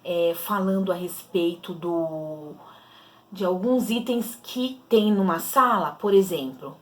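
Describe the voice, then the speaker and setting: A woman teacher with a Brazilian Portuguese accent, patiently walking young children through a literacy lesson step by step. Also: fairly low pitch. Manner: slow, patient, explains syllables step by step to children.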